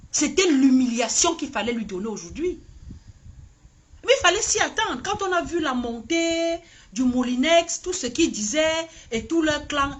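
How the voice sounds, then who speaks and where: A woman hosting a casual political live stream, rallying her viewers and often laughing. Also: high-pitched.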